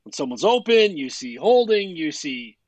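A man co-hosting a sports podcast, telling stories in a rambling, profane, animated way. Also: a little high, moderate pace, dry recording, highs cut off. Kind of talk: casual chat.

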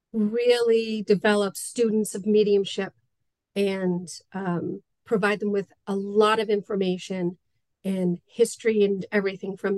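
A woman's voice: mid-range voice, darkish tone, no echo, rough recording. A woman speaking as an interview guest, a spiritual medium explaining things earnestly and step by step in a conversational way.

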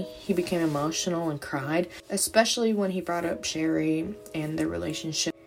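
Lower-pitched woman hosting a true crime podcast. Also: darkish tone. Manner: sarcastic asides. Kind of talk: casual storytelling narration.

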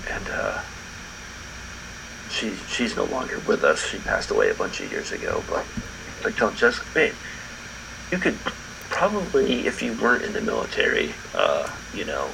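A man co-hosting a podcast in relaxed, rambling casual chat, with many fillers and restarts. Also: medium pitch, normal speed, gravelly, long pauses. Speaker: podcast co-host. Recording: air conditioner hum behind.

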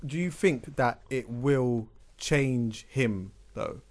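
A man's voice: medium pitch, takes it slowly. London man casually leading a chat. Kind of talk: casual group chat, asking questions.

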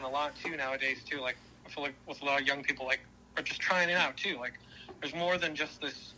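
A man's voice: a little high, pushed and bright, a little hiss or hum, rough recording. A young man guest on a chat podcast, rambling through his thoughts with lots of "like" and restarts. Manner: rambling, many fillers, self-correcting. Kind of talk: casual discussion.

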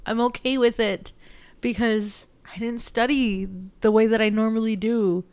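Young woman, Texan accent, casual vlogger; slow, clear delivery, chatty and emotional. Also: fairly high pitch, fairly even intonation, a little mellow. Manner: chatty, emotional, laughs often, says "y'all" and "like". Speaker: teacher and vlogger. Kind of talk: casual weekly recap vlog.

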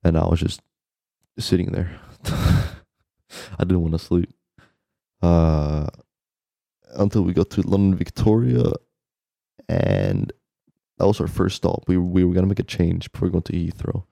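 A young man speaks in a very low, relaxed voice, dryly recorded. He co-hosts a podcast like a frat bro, telling stories casually with slang and constant swearing. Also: a little slow, creaky, long pauses, no room sound, studio quality. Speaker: podcast co-host. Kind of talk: casual chat, storytelling.

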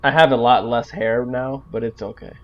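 A man's voice: medium pitch, fairly even intonation, a little fast. Hesitant man on a muffled mic. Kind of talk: casual chat.

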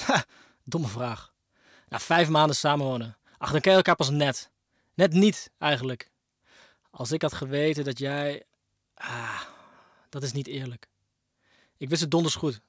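A man's voice: a little high, no room sound. Emotional young man, dry close voice. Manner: emotional, addresses his ex-partner directly; swings between quiet reflection and raised, pained outbursts. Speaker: monologue speaker. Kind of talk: personal spoken-word monologue.

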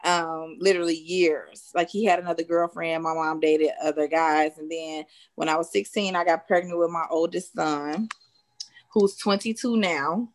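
Woman in her late thirties, lowish voice, interview guest, steady and matter-of-fact, lots of "um"s. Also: normal speed. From South Side of Chicago. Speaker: real estate consultant.

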